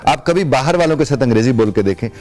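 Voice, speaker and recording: A man's voice: mid-range voice, animated, fast, a little mellow. A middle-aged man from Pakistan, an English teacher and guest, explaining at length in a formal studio interview.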